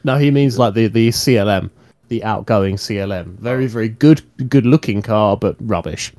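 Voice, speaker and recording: A man's voice: on the low side, normal speed, a little mellow, dry recording. A man co-hosting a motorsport podcast, chatting casually with frequent hesitations. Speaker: podcast co-host. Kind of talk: casual chat.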